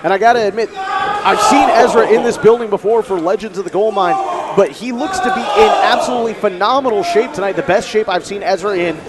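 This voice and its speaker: High-pitched male wrestling commentator over roaring crowd. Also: a little fast. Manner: dramatic announcer phrasing. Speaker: wrestling commentator, lead play-by-play. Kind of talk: excited live wrestling play-by-play commentary. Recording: loud crowd behind the voice. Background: noisy live wrestling crowd.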